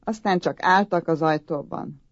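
A woman narrating a folk story in a calm, even storytelling manner. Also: fairly low pitch, no echo. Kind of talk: storybook reading. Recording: dull, dry audiobook sound.

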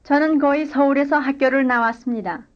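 A woman reading a scripted language-lesson dialogue and drill answers in clear, careful model sentences. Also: high-pitched, fairly even intonation, fairly quick, highs cut off. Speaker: language course speaker.

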